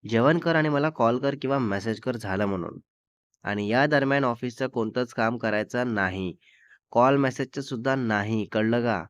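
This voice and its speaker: A man's voice: medium pitch, normal speed, smooth, no room sound, natural voice. A man voicing a young boyfriend who scolds his girlfriend sternly but with care. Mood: scolding. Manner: scolding, then coaxing. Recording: dull lo-fi dry recording.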